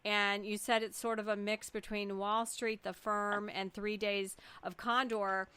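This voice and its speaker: Woman, talk-show host, enthusiastic, smooth and bright voice, dry mic. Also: medium pitch, flat delivery, unhurried, dry recording. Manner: enthusiastic, chatty, laughs often. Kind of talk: chatty talk-show interview.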